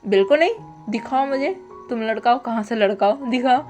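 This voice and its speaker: A woman's voice: fairly high pitch, fairly quick, darkish tone, faint music behind, natural voice. A woman voicing a smug, shameless young husband who bosses and mocks his partner, in a casual spoken retelling. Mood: teasing. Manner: bossy, mocking drawl. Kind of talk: casual storytelling with voiced lines.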